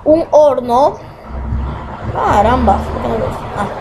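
A young man with a Peruvian accent giving excitable gameplay commentary, muttering repeated words and swearing as he plays. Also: very high-pitched, slow pace, gravelly, noisy background. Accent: Peruvian Spanish. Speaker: gamer.

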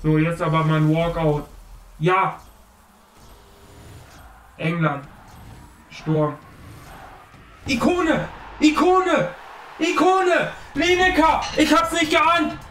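A man streaming a football video game who shouts with excitement about a pack opening. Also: a little high, slow, pauses often, a little hiss or hum. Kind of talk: live gameplay commentary. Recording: echoey, distant from the mic.

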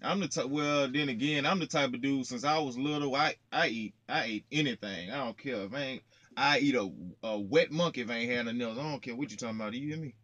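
A man's voice: mid-range voice, fast, fairly bright tone, no echo. Slangy, playful young man in a truck. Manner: slangy, playful, talks straight to viewers. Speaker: trucker vlogger. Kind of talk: casual vlog chat. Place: parked truck cab, indoors, small.

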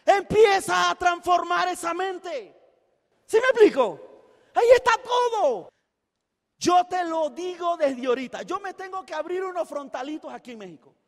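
Man, very high voice, lively motivational speaker acting out stories; reverberant hall. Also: normal speed. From Costa Rica. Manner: animated, acts out dialogue, often shouts. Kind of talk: energetic stage storytelling. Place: large hall before a live audience. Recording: echoey hall with long reverb.

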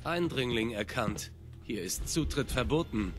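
A man's voice: medium pitch, animated, a little slow, soft background music, lightly acted. A man voicing a stern male security robot in a video game, giving formal, clipped security announcements.

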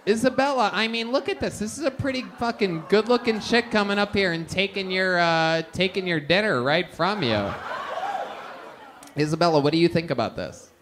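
A man hosting a live comedy show, loud and teasing, often shouting and laughing into a handheld mic on a club stage. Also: sits high, moderate pace, noisy background.

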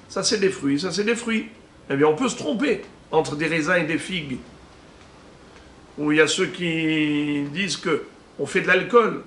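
A man, a rabbi, teaching a Talmud lesson, slowly reading out Hebrew and Aramaic terms and explaining each one. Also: sits high, sharp tone. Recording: echoey room with faint ambient noise.

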